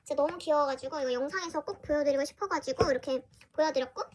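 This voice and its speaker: Casual fan vlogger, woman, high and light voice, gushing unboxing chat with a faint hiss behind. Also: fast. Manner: gushing, often exclaiming softly.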